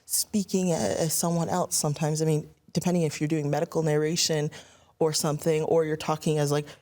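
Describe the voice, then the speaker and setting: Woman, young adult, voice actor, conversational interview, animated, slightly low voice. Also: a little fast. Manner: animated, acts out quoted lines. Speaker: voice actor guest.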